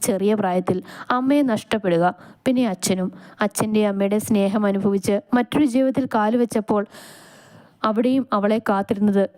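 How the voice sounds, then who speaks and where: A woman voicing a calm older brother who teases and soothes in a gently mocking way. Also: mid-range voice, normal speed, close to an everyday voice. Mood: teasing.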